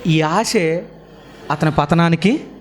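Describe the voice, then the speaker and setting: A man's voice: on the high side, slow, a little hiss or hum. A man preaching as a pastor, firing rhetorical questions at his congregation and repeating them, with sudden emphatic bursts. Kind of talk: sermon.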